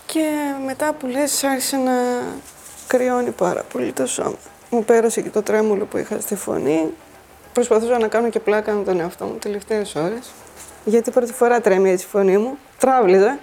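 A woman's voice: a little high, vocal fry, dark tone, a little hiss or hum. A woman giving a plain, earnest first-person account of surviving a flood. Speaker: flood survivor telling her story. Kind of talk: personal testimony.

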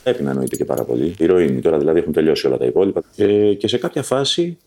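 Very low, dark-voiced man telling his story. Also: sing-song, slight background noise. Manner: conversational, loose and halting, with frequent fillers. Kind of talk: candid personal storytelling.

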